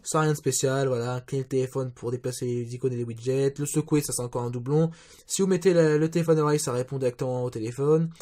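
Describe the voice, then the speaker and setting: A man's voice: mid-range voice, steady tone, fast talker, mellow. A man, casually walking through phone settings in a rambling review, with many restarts and fillers. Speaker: tech reviewer.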